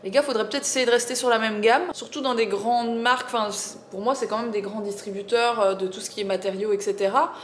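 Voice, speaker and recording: A woman's voice: on the high side, fairly even intonation, quick pace, few pauses. A woman chatting casually to viewers as a vlogger, with a slight lisp on her s sounds and an informal, digressive way of telling things. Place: indoors at home. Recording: roomy echo, faint background noise.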